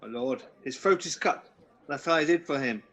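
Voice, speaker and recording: Hired killer, male amateur actor, higher pitch, blunt, serving a king, radio play verse. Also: normal speed, a bit bright. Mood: grim, deferential. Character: blunt hired murderer reporting to his king.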